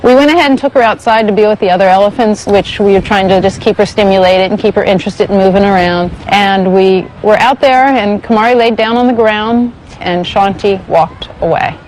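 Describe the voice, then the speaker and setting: A woman's voice: mid-range voice, a little fast, few pauses, a little mellow, slight background noise, poor audio. A woman who works as an elephant keeper, recollecting in a nature documentary interview. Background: music.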